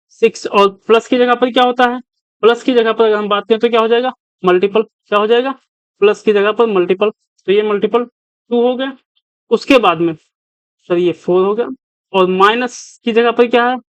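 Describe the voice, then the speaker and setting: Male coaching teacher, talks through sums, asks the class as he goes, crisp dry sound. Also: high-pitched, no echo, rough recording. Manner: repeats questions to the class as he works. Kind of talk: step-by-step problem solving lesson.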